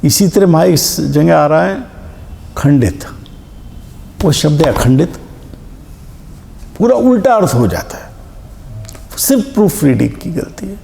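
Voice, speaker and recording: Gravelly, mellow-voiced man teaching scripture. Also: on the high side, animated, slight background noise. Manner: explains slowly with examples, stresses words. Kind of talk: Jain scripture discourse. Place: discourse hall.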